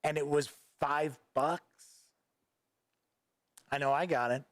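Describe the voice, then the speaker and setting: A man with a slightly high voice and fairly even intonation speaks slowly while hosting a gaming news livestream. He rambles, reading viewer chat aloud and offering offhand replies in casual conversation. A studio microphone at his desk gives a recording with no room sound.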